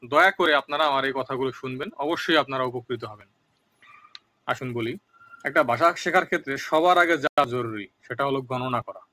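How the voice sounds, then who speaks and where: A man teaching a recorded language lesson, speaking slowly and saying each word twice for learners. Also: medium pitch, pushed and bright.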